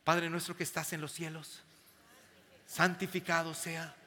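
A man's voice: on the high side, flat delivery, measured pace, sharp tone. A man preaching a sermon to a congregation, emphatic and full of questions to the crowd. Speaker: pastor. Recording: long hall reverb.

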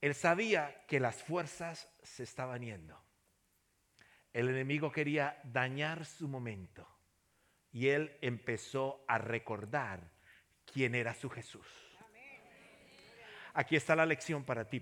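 A man preaching a sermon, telling a personal story and then appealing to listeners, going from soft near-whispers to loud passionate calls. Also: medium pitch, unhurried, long pauses. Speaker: pastor.

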